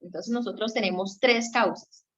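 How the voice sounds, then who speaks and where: Her voice is medium in pitch and a bit bright, delivered at a moderate pace. As a guest on a marriage radio segment, this young Colombian woman explains things in a conversational teaching talk and checks for agreement, recorded with slightly dull lo-fi quality.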